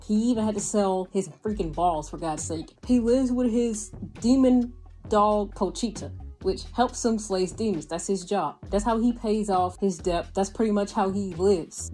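A young woman giving a frank, exasperated anime review in casual vlog style, talking with lots of hand gestures. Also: medium pitch. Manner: animated, gestures a lot while talking. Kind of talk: casual video commentary. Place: small indoor room with a gaming desk setup.

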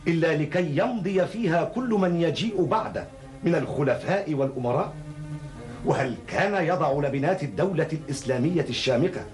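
A man's voice: fairly high pitch, darkish tone, lightly acted. A middle-aged man playing an earnest, outspoken counsellor in a classical Arabic historical drama, speaking formally and with rhetorical emphasis. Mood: admiring, earnest. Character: earnest, outspoken male counsellor questioning his caliph.

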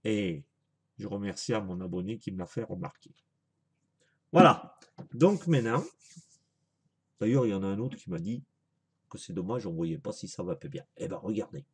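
A man's voice: fairly low pitch, expressive, moderate pace, long pauses, breathy edge. A man in a casual home video review, chatty and apologetic, thinking aloud with lots of fillers as he shows products. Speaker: vaping vlogger.

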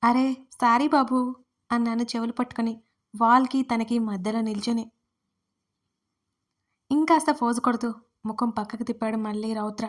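A woman narrating a romance story in first person, in a lively, emotional storytelling manner with acted dialogue. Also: on the high side, normal speed, pauses often. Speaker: writer and narrator of audio stories.

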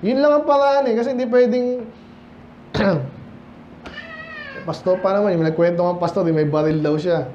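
A man's voice: high-pitched, sing-song, unhurried, long pauses, echoey room, dull audio, a little hiss or hum. A Filipino man preaching at a midweek Bible study, talking conversationally and often asking the congregation questions. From Philippines. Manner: conversational, asks the congregation questions, mixes English and Tagalog. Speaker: pastor. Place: church hall.

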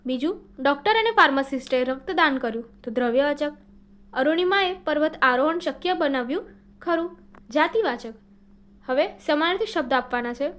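A woman teaching by reading workbook answers aloud in a steady, explanatory way, now and then correcting a slip. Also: sits high, moderate pace.

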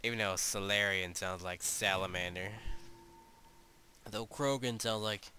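A man's voice: fairly low pitch, fairly even intonation, a little slow, sharp tone, slight background noise. A man giving crude, offhand let's play commentary while playing a game. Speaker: gamer.

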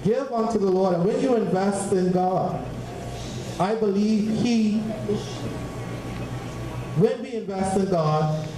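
A man's voice: high voice, slow pace, long pauses. A young man from Turks and Caicos preaching about giving in a church, speaking into a handheld mic with fervent, rhythmic repeated phrases. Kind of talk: offering exhortation. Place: large church hall with congregation. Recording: very echoey church hall.

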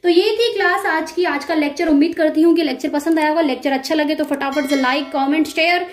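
High-voiced woman teaching grammar, echoey room. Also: fairly even intonation, brisk. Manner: explains step by step, asks and answers her own questions. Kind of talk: recorded lecture.

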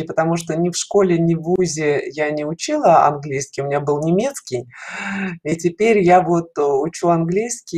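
A middle-aged woman chats casually as a guest on an online show, joining by video call from an indoor room with a headset. Her voice sits on the low side with a darkish tone, and her manner is self-ironic and giggly.

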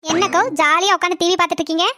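In a cartoon comedy, a woman with a Kanyakumari Tamil accent voices a nosy neighbor eagerly spreading street gossip. Her very high voice is steady, sharp and very fast, breathless with storytelling excitement, with no echo.

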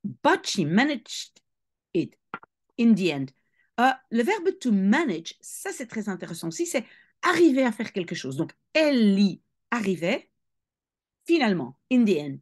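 A woman, a language teacher reading a novel aloud and patiently explaining each phrase to her students, clearing her throat now and then. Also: medium pitch, very animated, measured pace, long pauses, darkish tone. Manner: patient explaining, switching between English reading and French explanation.

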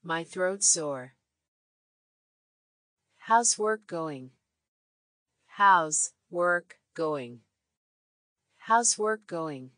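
A woman reading short English phrases for learners, saying each one three times in a measured, clear way. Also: on the low side, a bit bright, no room sound, studio quality. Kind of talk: slow repeated phrase drills.

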